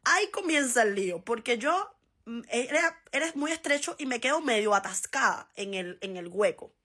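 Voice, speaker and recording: A Cuban woman tells a funny story from her school days in a casual vlog style. Her voice is bright and sits slightly high, and she laughs and acts out the people in the story as she goes. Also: expressive, moderate pace. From Cuba. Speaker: vlogger.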